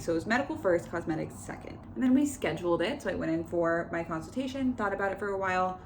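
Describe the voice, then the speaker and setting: Young woman chatting casually, slightly low voice. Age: 20s. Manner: informal, conversational, quotes others in reported dialogue. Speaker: vlogger. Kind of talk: casual chat to camera, personal update. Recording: clear background room noise.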